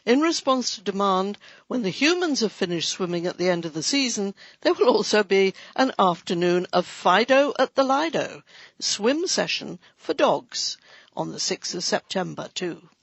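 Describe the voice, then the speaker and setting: Creaky voice reading out council news, bit cheeky, dry flat lo-fi sound. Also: mid-range voice, moderate pace, dry recording. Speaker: audio magazine reader. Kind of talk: scripted reading of a council magazine. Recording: dry, dull lo-fi recording.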